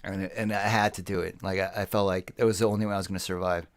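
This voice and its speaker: A man co-hosting a podcast in casual chat, rambling and swearing freely as he thinks out loud. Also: low voice, racing, no room sound. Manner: rambling, profane, animated. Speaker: podcast co-host.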